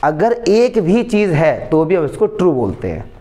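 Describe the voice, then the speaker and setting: High-voiced man coaxing through a math lesson. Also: very animated, normal speed, mellow. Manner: coaxing, checks understanding often. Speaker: maths teacher. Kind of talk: explaining board exam maths.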